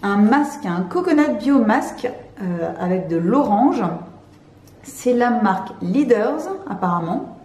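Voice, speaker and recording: A woman vlogger chatting casually and excitably as she unboxes beauty products, with many fillers, recorded at home. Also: mid-range voice, a little slow, roomy sound. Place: room at home, cats nearby.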